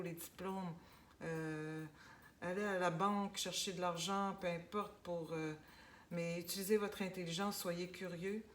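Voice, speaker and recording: A woman with a Québécois accent giving a casual tarot guidance talk, unhurried and hesitant with many fillers. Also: on the low side, a little hiss or hum. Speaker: tarot reader.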